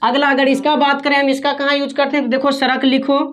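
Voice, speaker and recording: A woman with a high voice teaches a class. She keeps asking her students questions and echoing their answers back to them. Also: little pitch movement, fast, a bit bright. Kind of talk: classroom grammar lesson.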